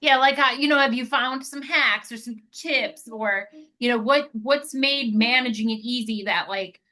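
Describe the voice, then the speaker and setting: A woman's voice: fairly high pitch, normal speed, pushed and bright. A woman hosting an interview in casual chat, talking freely with many fillers. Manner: chatty, lots of "like" and "yeah". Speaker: podcast host.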